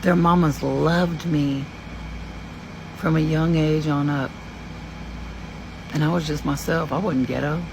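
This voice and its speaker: A woman in her forties from Kentucky telling a story in a blunt, profane and animated way. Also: low voice, slow pace, vocal fry, pauses often, noisy background. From Kentucky, USA. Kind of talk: casual storytelling.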